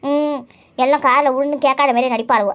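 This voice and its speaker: A woman's voice: sits high, steady tone, a little fast, fairly bright tone. A woman voicing a bitter, quarrelsome elderly mother-in-law in a cartoon, nagging and sarcastic. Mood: scolding. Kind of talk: cartoon voice acting. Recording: dull lo-fi recording.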